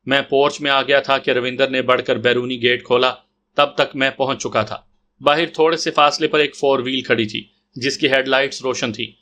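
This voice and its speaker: A man narrating a detective audio story in the first person with steady, scripted storytelling. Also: mid-range voice.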